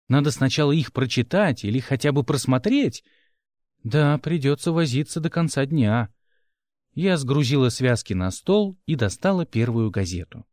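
A man narrating an audiobook with expressive first-person storytelling. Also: a little high, no room sound, studio quality.

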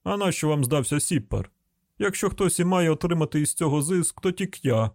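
Man voicing an older Arkansas man with grandkids, grumbling, loud, mellow dark tone, audiobook. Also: on the high side, lively intonation, a little fast, dry recording, studio quality, voice pushed up. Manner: loud, grumbling, folksy rambling.

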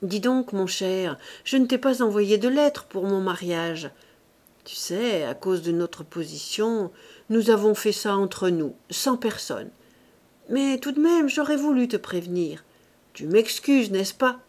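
A woman voicing a jovial, loud-voiced young male painter in an audiobook, speaking in a slow, expansive way. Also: mid-range voice, expressive, close to an everyday voice.

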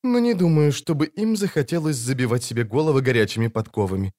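A man's voice: medium pitch, fast talker, warm tone, dry recording, clean studio sound, natural voice. A man voicing a blunt, tough young woman archer who talks curtly. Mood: grumbling. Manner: curt, grumbling.

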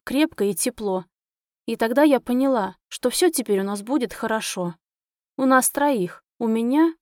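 Expressive woman reading an audiobook. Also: fairly high pitch, dry recording, clean studio sound. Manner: emotional, expressive. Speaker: narrator. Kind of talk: first-person audiobook narration.

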